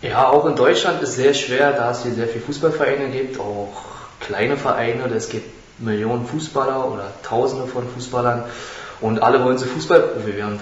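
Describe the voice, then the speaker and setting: A man in his twenties giving a halting, rehearsed self-introduction at a casting interview, in a small room on a handheld mic. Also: mid-range voice. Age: 20s. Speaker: model contestant. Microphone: handheld mic held by interviewer. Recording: echoey room, slightly dull, faint hiss.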